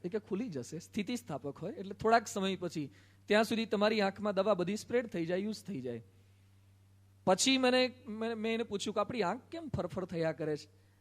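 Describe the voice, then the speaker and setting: A man with a Gujarati accent, a monk giving a sermon, telling stories with quoted dialogue and gentle humor. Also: sits high, brisk. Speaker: monk preacher. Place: assembly hall.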